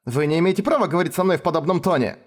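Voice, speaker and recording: A man reading a story, putting on a haughty young noblewoman, a count's daughter who is quick to anger. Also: lively intonation, lightly acted. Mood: furious. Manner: raised pitch, indignant and shrill when angry.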